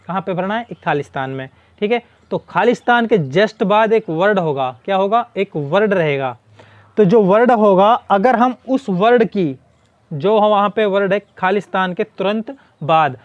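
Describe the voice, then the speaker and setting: High-pitched man teaching grammar. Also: lively intonation, measured pace, no room sound, dull audio. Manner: asks questions and answers them himself, repeating key words. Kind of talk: explaining English grammar in Hindi.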